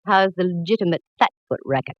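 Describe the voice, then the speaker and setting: An actress with a fairly low, natural voice performs 1940s radio drama as a wisecracking female detective and narrator. Her manner is wry, hardboiled, and quick with quips, heard through a dull old broadcast.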